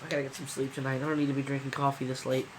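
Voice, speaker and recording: A man's voice: mid-range voice, flat delivery, racing, a little hiss or hum, poor audio. A man hosting a casual live stream as a trucker, rambling loosely with lots of fillers and casual swearing, sleepy and yawning.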